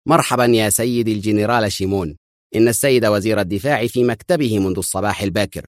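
A man voicing a calm Egyptian spy posing as an Israeli secretary, polite and measured in a lifted voice. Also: lowish voice, no room sound, studio quality, lightly acted.

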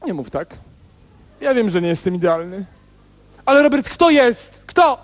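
A man's voice: high voice, big pitch swings, measured pace. A man voicing a jealous, clingy male cigarette who acts like a spurned lover, melodramatic and pleading, in a radio comedy sketch.

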